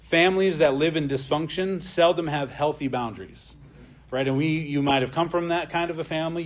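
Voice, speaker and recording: A man teaching an adult church class in a plain, conversational way. He often adds a questioning "right?" as he talks. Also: mid-range voice.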